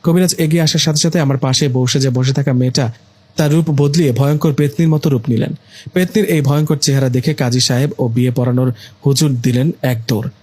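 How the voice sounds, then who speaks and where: A man narrating a first-person story in a lively, exclamatory way. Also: medium pitch, quick pace.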